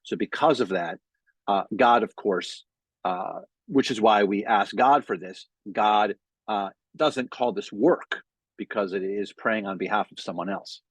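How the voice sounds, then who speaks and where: A man speaking as a rabbi in a relaxed, talky sermon, pausing often with fillers and starting phrases over. His voice sits at a middling pitch with a slightly husky edge. The recording is close and dry, with almost no room sound. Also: no echo. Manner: conversational, thinking aloud with frequent fillers and restarts. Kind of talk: weekly sermon message. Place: in front of a Hebrew sign, dry room.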